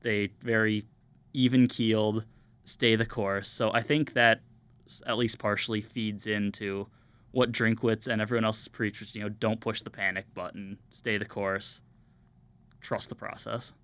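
A young man on a sports podcast, calmly analyzing a college football team. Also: on the low side, clear, resonant tone. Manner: measured, analytical. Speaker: podcast co-host, sports reporter.

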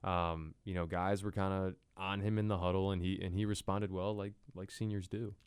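Low smooth guy doing casual sports analysis, repeats himself a bit, dry sound. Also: flat delivery, moderate pace, no room sound. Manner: conversational, repeats words as he goes. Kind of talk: casual postgame discussion.

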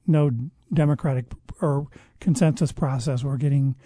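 A man with a mellow voice that sits a little high talks through his views in a measured, explanatory way. He often stops and restarts his sentences. The sound is dry and close. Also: fairly even intonation, no echo. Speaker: guest expert on public health. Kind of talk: conversational interview answers.

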